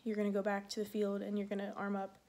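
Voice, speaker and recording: A woman's voice: mid-range voice, completely flat delivery, quick pace, dark tone. A pregnant woman in her twenties who serves in the Air Force, chatting casually in a rambling vlog, full of fillers and a little short of breath.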